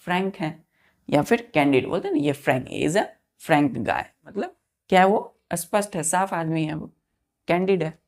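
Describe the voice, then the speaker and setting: A woman teaching a vocabulary lesson, slowly spelling words out letter by letter and often asking her students whether it is clear. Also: sits low, lively intonation, darkish tone. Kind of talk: classroom lesson.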